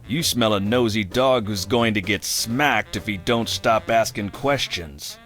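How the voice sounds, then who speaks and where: A surly cartoon game bodyguard with a low voice. He is curt and sarcastic, a mob tough who makes every reply a brush-off or a threat. Music plays behind him. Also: unhurried, a bit bright. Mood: surly menace. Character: surly, sarcastic male tough-guy bodyguard and former mobster. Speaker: presidential bodyguard character. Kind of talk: comic cartoon game acting.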